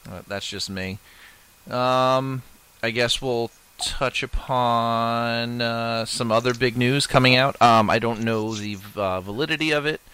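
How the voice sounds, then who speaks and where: A man's voice: medium pitch, measured pace, bright, forceful tone, clear, resonant tone. A man co-hosting a casual podcast, talking loosely with lots of fillers and the odd swear. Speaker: podcast co-host. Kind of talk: casual chat.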